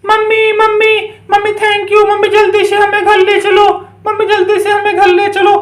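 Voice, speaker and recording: A woman's voice: extremely high pitch, monotone, normal speed. Frightened young children voiced by a woman, whining, pleading, doll play story, echoey room. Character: frightened small children crying for mother.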